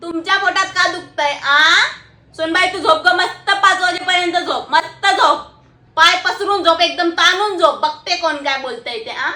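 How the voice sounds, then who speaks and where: A woman playing a loud, protective, bossy but doting mother-in-law in a comic sketch. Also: very high voice, moderate pace, reverberant. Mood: bold.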